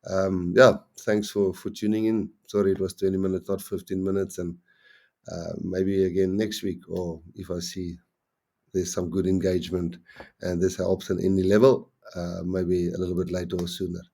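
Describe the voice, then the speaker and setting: Here a middle-aged man with a strong Afrikaans accent speaks in a deep, mellow voice at a level tone. He's a South African rugby coach chatting casually on a live stream, rambling haltingly and restarting his sentences frequently.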